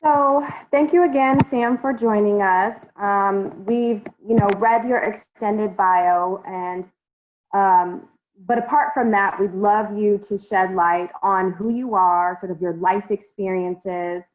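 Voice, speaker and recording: A woman moderates a group video call, calling out names in an easy, casual way. Her pitch is average for a woman. She talks through a video call mic. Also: steady tone, slow pace, slight background noise, low-quality recording. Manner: friendly, apologetic, calls names.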